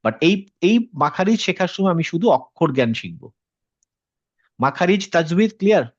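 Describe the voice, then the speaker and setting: A man's voice: high-pitched, very animated, fairly quick, no room sound, dull audio. A man teaching a Quran tajweed class online. He explains patiently, drops English words into his talk and stops to check that students follow.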